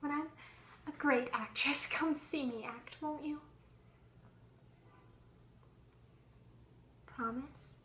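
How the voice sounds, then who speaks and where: Actress playing a haunted, fragile young actress. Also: female voice, high voice, steady tone, unhurried, slight background noise. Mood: wistful. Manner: swings between hushed whispers and sudden raised outbursts. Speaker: actress performing a monologue. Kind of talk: stage monologue performance. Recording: echoey room.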